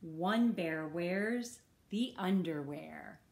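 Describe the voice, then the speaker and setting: A woman reading a rhyming picture book aloud for children in a slow, rhythmic sing-song. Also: lowish voice, creaky, darkish tone. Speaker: children's story reader. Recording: roomy echo.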